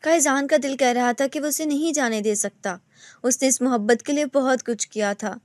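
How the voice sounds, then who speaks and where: A woman reading a romantic novel aloud in steady scripted narration. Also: high voice, dry recording.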